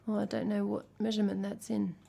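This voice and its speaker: A woman's voice: medium pitch, little pitch movement, fast, gravelly, warm tone. An English woman, a singer-songwriter, chatting casually with her stream audience between songs in a playful, self-mocking way. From England. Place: at home. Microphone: headphones with cable.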